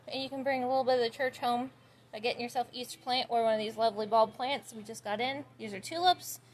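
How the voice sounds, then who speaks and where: Walking through the flower shop and garage, a florist shows off plants in a casual video, rambling a little and using lots of fillers. Her voice is fairly high, with a little hiss or hum in the recording.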